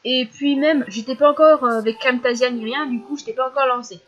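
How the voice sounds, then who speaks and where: A fifteen-year-old girl answering viewer questions in a casual vlog, talking fast with many fillers and frequent giggles. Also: high voice, steady tone, highs cut off. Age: teens.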